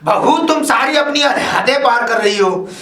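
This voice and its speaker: A man's voice: very high voice, a little slow, bright, forceful tone, exaggerated voice. An actor playing a stern father-in-law who rules the house, scolding and commanding. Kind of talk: low-budget Hindi drama acting. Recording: echoey room.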